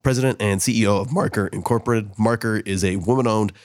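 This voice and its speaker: Hoarse fast-talking male podcast host. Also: fairly low pitch, dry recording, studio quality. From San Diego. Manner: quick, chatty and self-mocking. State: hoarse from a cold. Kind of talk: casual podcast chat and show intro.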